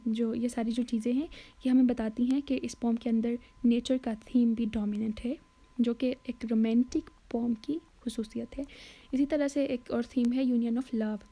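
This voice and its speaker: A woman tutor walks through a poem in a casual lesson, pausing on fillers and correcting herself as she goes. Her voice sits a little high but sounds very dark and mellow, with a flat, even delivery. She slows right down whenever she reads a quoted line. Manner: hesitant, with frequent fillers and self-corrections. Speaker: literature tutor. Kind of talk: explaining a poem in a Hindi-English lesson.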